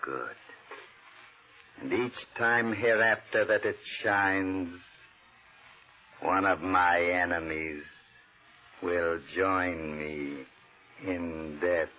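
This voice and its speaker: A sinister mastermind returned from death, low and theatrical. He threatens with slow, deliberate emphasis in the manner of radio mystery drama. The vintage recording is narrow and phone-like. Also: exaggerated voice. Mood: grandly menacing. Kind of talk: old-time radio mystery acting.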